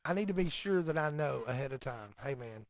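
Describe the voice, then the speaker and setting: A man's voice: on the high side, lively intonation, fast, a little hiss or hum. A man with a Southern US accent, co-hosting a casual chat in an easygoing, playful way. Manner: easygoing, playful, exaggerated country drawl.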